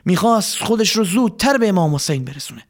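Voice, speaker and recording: A man's voice: high-pitched, expressive. A man narrating a religious story to children in an earnest, dramatic way.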